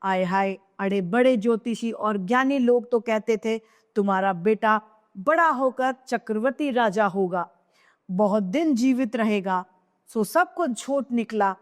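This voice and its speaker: A woman's voice: a little high, a little slow, big-room sound, lightly acted. A woman voicing a grieving queen mother who laments over her dead son with repeated cries. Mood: grief-stricken. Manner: wailing lament, cries of hai.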